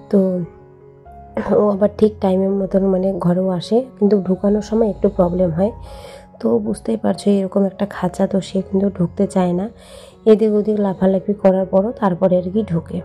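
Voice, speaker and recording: A woman vlogger with a cold, speaking hoarsely and quietly in a chatty, rambling late-night voice-over. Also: mid-range voice. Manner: speaking softly and hushed.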